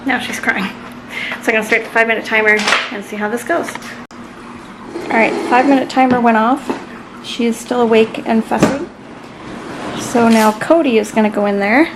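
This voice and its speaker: A young woman talks through her day at home for a vlog, her voice sitting a little high. She is matter-of-fact, counting off minutes and times. Steady background noise sits under the camera-mic recording. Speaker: vlogger parent. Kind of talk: casual vlog narration.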